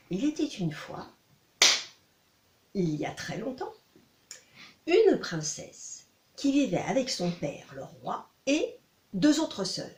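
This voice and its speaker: Expressive woman storyteller in an echoey room. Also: medium pitch. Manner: expressive, repeats words for effect. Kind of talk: storytelling for children. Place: library.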